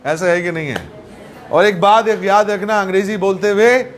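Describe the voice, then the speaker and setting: A man teaching English in a classroom lesson, playfully quizzing his students with rapid questions. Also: high voice, faint music behind.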